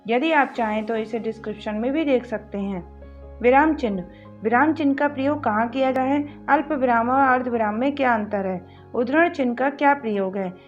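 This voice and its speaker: A woman teaching a grammar lesson, explaining each point and reading example sentences slowly and deliberately. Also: high voice. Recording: dull lo-fi sound with faint music behind.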